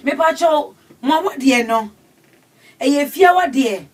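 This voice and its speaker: A middle-aged woman with a Ghanaian accent hosting a call-in advice show in a small radio studio, animated and gesturing as she talks. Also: high-pitched, unhurried. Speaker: radio host and counselor. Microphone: studio mic, camera across the room. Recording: distant camera audio in studio.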